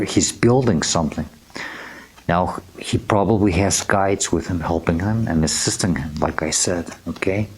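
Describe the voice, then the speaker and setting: A man with a very low voice gives a tarot reading to camera. He talks slowly and gently, reading card meanings aloud and tripping over unfamiliar names. He keeps checking in with his listeners. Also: husky. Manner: gentle and earnest, often checking in with "okay?". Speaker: tarot reader.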